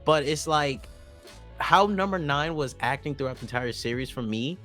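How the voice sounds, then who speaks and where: A man's voice: on the high side, moderate pace, bright, forceful tone, faint music behind. A man co-hosting an anime podcast, talking in a loose, rambling way with lots of restarts and fillers. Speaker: podcast co-host. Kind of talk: casual chat.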